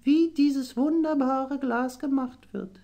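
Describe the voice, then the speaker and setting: Sursula Picci, a high, dark-toned mermaid princess. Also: male voice, steady tone, heavily acted. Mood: sorrowful. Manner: soft, high storytelling voice with slow, drawn-out phrases. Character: tearful young mermaid princess, gentle and sorrowful. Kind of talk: audiobook character voice.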